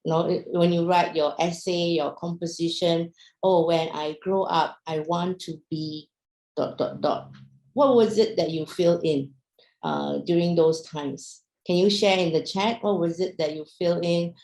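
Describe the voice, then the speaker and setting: A woman's voice: lowish voice, fairly even intonation, unhurried, a little mellow, reverberant, low-quality recording. A young woman, raised in Singapore after being born in Myanmar, gives a casual talk to an online audience, asking questions and using many fillers. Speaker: speaker at an online business talk.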